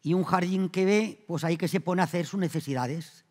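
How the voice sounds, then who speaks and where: A man from Spain doing a stand-up comedy monologue, acting out the people in his jokes with raised, louder voices. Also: sits high, fairly quick. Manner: acts out the joke characters in raised, louder voices. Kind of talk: comic monologue telling jokes. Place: theatre stage before an audience. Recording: long reverb of a theatre hall.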